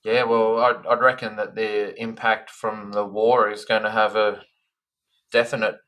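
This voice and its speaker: A man's voice: on the low side, flat delivery, unhurried, fairly bright tone. An Australian man co-hosting a casual beer podcast, chatty and blunt in his talk. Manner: chatty, blunt, says "mate". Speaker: podcast co-host.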